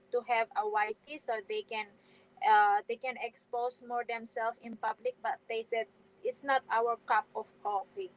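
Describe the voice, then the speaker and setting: A middle-aged woman hosts a casual live stream from home, chatting with viewers and reading their comments. She's hesitant, with many fillers and restarts, and her voice is a little high over poor audio.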